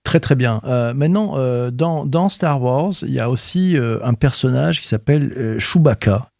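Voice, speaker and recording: Chatty podcast host guy, excited, lots of ums, mellow voice, dry close sound. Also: medium pitch, moderate pace, gravelly, dry recording. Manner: enthusiastic, lively, hesitant with fillers. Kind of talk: casual podcast chat.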